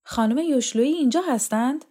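A woman's voice: high-pitched, voice pushed up. A woman reading the part of a vain, eager young male theatre director. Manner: eager, excited, quick.

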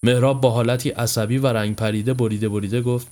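A man narrating a horror story in a grave, measured way. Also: mid-range voice, fairly even intonation, dark tone.

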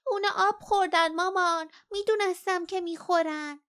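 A woman's voice: very high voice, steady tone, fairly bright tone, voice pushed up. A woman voicing a small, sulky young creature in an audiobook, whining and grumbling. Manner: whiny, grumbling. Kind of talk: audiobook character voice.

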